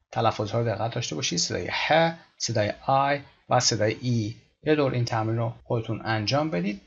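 Man, language teacher, husky voice, dull lo-fi sound, patient demonstrations. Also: medium pitch. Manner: patient, repeats words slowly to demonstrate. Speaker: English teacher. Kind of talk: explaining pronunciation in a lesson.

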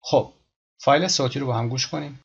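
A man teaching English pronunciation, patiently repeating words slowly to demonstrate. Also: medium pitch, gravelly, muffled recording, a little hiss or hum. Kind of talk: explaining pronunciation in a lesson.

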